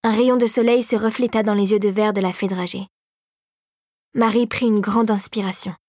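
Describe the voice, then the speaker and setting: A woman narrating a storybook in a measured, even manner, reading from a script. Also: mid-range voice, no room sound, clean studio sound. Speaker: audiobook narrator.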